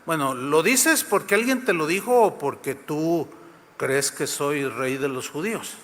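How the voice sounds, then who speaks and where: A man voicing a composed prisoner who answers a ruler in brief, calm replies. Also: on the high side, unhurried, in a large hall.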